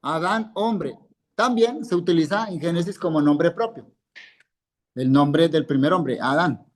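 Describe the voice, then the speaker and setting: A man's voice: on the high side, measured pace. A male Hebrew teacher, giving a live classroom lesson and patiently quizzing students by name, repeating each word. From Colombia.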